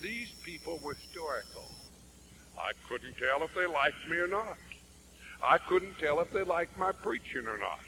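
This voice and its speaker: A traveling evangelist spins a folksy, humorous sermon story in a fairly high male voice. He talks in lively swings, and faint noise hums behind him. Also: a little slow.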